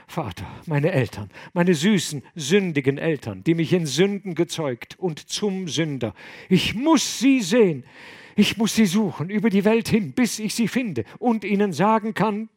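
A man voicing a distraught young man who sobs and reproaches himself in a high, loud lament. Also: animated, a little slow, exaggerated voice. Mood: anguished. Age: young adult. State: sobbing.

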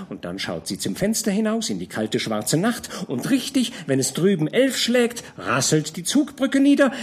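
A man's voice: breathy edge, full character voice. Man doing a gossiping innkeeper woman. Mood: chatty. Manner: chatty, conspiratorial, hushed to shrill. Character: gossiping middle-aged female innkeeper, scandalized.

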